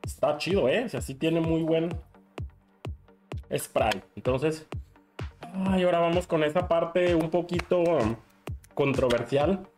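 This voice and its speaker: A man's voice: on the high side, takes it slowly, pauses often, darkish tone, soft background music. A man in his thirties with a Mexican accent, chatting casually and expressively through a perfume review at home. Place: small home room, indoors.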